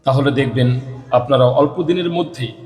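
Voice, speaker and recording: A man teaching Quran reading, explaining rules step by step and reciting verses slowly, repeating each rule. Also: medium pitch, a little mellow, soft background music, low-quality recording. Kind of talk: slow, repetitive recitation lesson.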